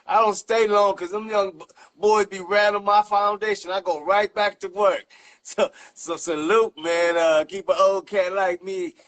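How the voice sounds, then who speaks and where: With a high, fairly bright voice, a steady tone and a measured pace, a man in his 50s hosts an interview. He's from South Central Los Angeles, and the casual chat is loose, slangy and peppered with profanity.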